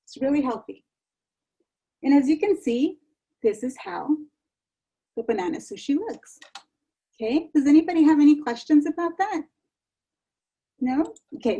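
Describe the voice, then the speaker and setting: High soft woman walking kids through a snack recipe on a video call, chatty and reassuring. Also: expressive, normal speed, long pauses. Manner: chatty, reassuring, repeats herself. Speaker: enrichment instructor. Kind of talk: live online cooking demonstration.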